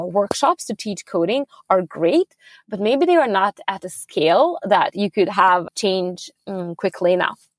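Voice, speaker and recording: Speaking at a medium pitch with no room sound, a young female startup founder from Hungary responds to interview questions. She comes across as earnest and fluent, though she makes small restarts.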